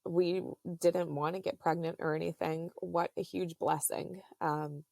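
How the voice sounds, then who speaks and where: A woman in her thirties, a podcast guest, telling a personal story in a halting, earnest way with many fillers. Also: fairly low pitch, steady tone, gravelly, a little mellow, no echo, clean studio sound.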